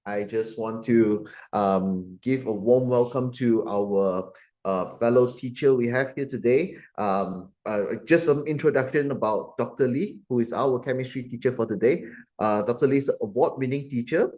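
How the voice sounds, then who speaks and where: A man with a Malaysian accent hosting, giving an informal event introduction in halting, hesitant phrases. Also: medium pitch, a little mellow. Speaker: host.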